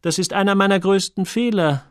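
A man voicing a curious, teasing grown woman with a light, unhurried way of talking, in an audiobook. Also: high voice, dry recording, studio quality, pitched above the performer's own voice, natural voice.

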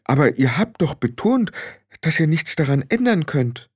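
A man's voice: a little high, sing-song, moderate pace, slightly rough, no room sound, studio quality, voice pushed up. A man reading an audiobook, voicing an anxious, proper elderly witch who frets and scolds. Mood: firm. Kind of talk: audiobook character voice.

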